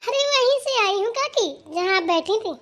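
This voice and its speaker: A woman's voice: very high-pitched, expressive, moderate pace, a bit bright. A woman voicing an earnest young daughter-in-law in a cartoon who pleads her case to her grandmother-in-law. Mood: pleading. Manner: earnest, pleading and defending herself. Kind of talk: cartoon voice acting.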